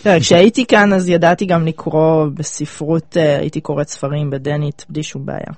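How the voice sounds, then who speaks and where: Young Israeli woman, low-pitched for a woman. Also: fairly even intonation, darkish tone, dry recording. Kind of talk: casual chat.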